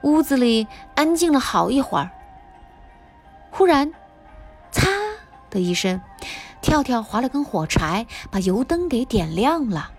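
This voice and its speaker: A woman reads a bedtime picture book aloud to children in an expressive, sing-song way. Her voice is high and rises and falls a great deal. Soft music plays faintly underneath. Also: a little slow. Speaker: mother reading picture books to kids. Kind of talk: children's storybook narration.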